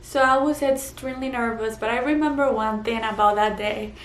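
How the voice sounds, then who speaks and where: A woman's voice: on the high side, fairly even intonation. Earnest Puerto Rican woman, echoey room. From Puerto Rico. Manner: earnest, halting with fillers and restarts. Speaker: vlogger. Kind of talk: personal testimony vlog. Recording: echoey room, faint background noise.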